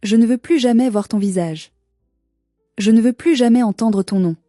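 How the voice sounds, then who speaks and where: A woman's voice: on the high side, moderate pace, warm tone, dry recording, studio quality, faint music behind, close to an everyday voice. A woman voicing a cold, cruel, haughty middle-aged mother who speaks in icy, clipped, cutting phrases.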